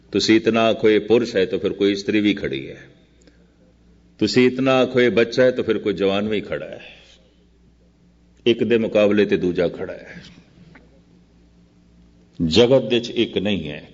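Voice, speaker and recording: An older man giving a Sikh scripture discourse, speaking in slow, measured, repeated contrasting phrases and drawing out quoted verses. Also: on the low side. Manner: chants quoted verse very slowly. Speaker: Sikh preacher giving katha. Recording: muffled old recording with long hall reverb.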